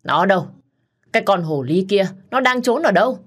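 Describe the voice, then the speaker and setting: A woman voicing a spiteful, scheming middle-aged mother-in-law who shouts insults. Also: deep voice, moderate pace, husky. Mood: furious.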